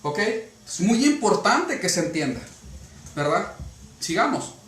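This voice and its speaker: A man's voice: high voice, big pitch swings, slow, a bit bright, slight background noise. A man preaching a sermon to a congregation, often checking with rhetorical questions. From Mexico. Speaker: pastor. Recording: echoey room from a distance.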